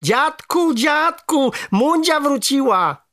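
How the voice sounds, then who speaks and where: A storyteller voicing an excited little boy calling for his grandfather in a children's story. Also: unhurried, breathy edge, no echo, studio quality, heavily acted. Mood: overjoyed. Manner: high, loud cries.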